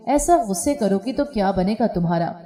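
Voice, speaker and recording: A woman's voice: medium pitch, expressive, normal speed, warm tone, echoey room, close to an everyday voice. A woman voicing a curt, teasing young husband in a story, with short, clipped replies.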